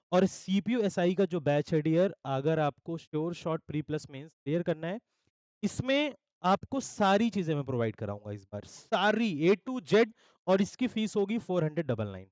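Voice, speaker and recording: A young man from India, an English teacher with an Indian accent, promoting his course batches in an energetic sales pitch, often checking in with listeners. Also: no echo, poor audio. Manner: mixes Hindi with English phrases. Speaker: English teacher for exam aspirants.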